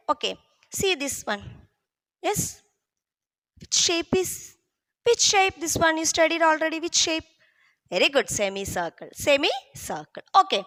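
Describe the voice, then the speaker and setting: High, bright singsong Indian woman teaching children. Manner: broad singsong delivery for small children, repeating questions; question-and-answer prompting with repetition. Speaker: primary school maths teacher. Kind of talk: lesson for young children. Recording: long hall-like reverb.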